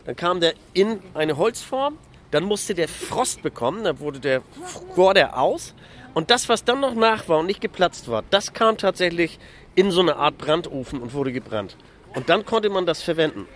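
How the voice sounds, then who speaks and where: A man's voice: on the high side, moderate pace, a little hiss or hum. Cheerful middle-aged man giving a city tour. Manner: cheerful, proud, lively explaining. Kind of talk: explaining to a group of kids. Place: outdoors on a city market square.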